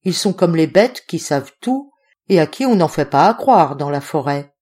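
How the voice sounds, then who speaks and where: Woman reading as a gruff wild ape-man. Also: low voice, animated, moderate pace, dark tone. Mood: scornful. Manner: gruff and scornful. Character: proud wild male ape-man of the forest.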